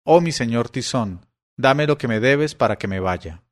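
A man reading as a poor fisherman from an old tale, who mocks and taunts the man who owes him money. He drags out his words with sly sarcasm, in a middle pitch for a man. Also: normal speed, a little mellow, close to an everyday voice. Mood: mocking. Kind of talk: audiobook character reading.

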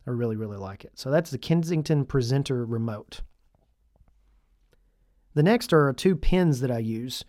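A man's voice: mid-range voice, animated, normal speed, pauses often, a little mellow, no echo, clean studio sound. A man, a youth minister hosting a podcast, talking casually and enthusiastically about his gear and repeating himself as he goes. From Tennessee.

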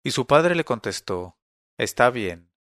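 A man narrating a classic tale with a calm, measured delivery. His voice sits at an ordinary middle pitch. The recording is dry and close, with no room sound. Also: dry recording. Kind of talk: storybook reading.

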